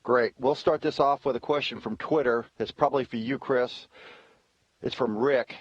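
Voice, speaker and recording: American man, press conference moderator, medium pitch, short procedural lines, thin telephone-like sound. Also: steady tone, moderate pace, breathy edge, dry recording. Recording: narrow phone-like link, dry.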